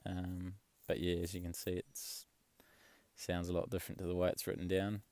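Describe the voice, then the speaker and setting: A young man talks in a very low, gravelly voice, loose and rambling, with casual swearing. The sound is close and dry, with no room around it. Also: completely flat delivery, normal speed, mellow, no echo. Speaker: travel vlogger. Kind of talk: casual chat.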